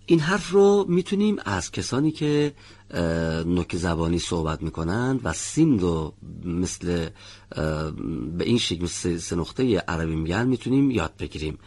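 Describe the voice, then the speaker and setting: A man teaching the pronunciation of a letter in a radio lesson, reading model words slowly and drawn out, then correcting learners one by one. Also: low voice, very animated, darkish tone. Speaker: Quran recitation teacher.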